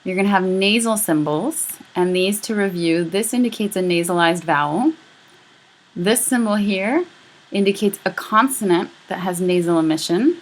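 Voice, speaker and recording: Speaking at normal speed in a mid-range voice, a female instructor delivers a recorded lecture. She takes a patient, step-by-step approach, pronouncing sample sounds aloud to show how they work.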